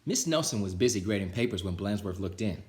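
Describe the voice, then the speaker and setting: This storybook reader has a fairly low, slightly mellow voice with lively intonation and a fairly quick pace. He gives an animated read-aloud of a children's book indoors at home, chatting casually with viewers and signing off, while the room adds a noticeable echo.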